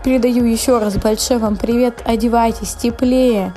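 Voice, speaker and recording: A woman giving a chatty, informal weather report, not pronouncing her R clearly, with music behind. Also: fairly high pitch, fairly even intonation, moderate pace, warm tone, rough recording. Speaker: weather correspondent. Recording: music playing under the voice. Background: background music.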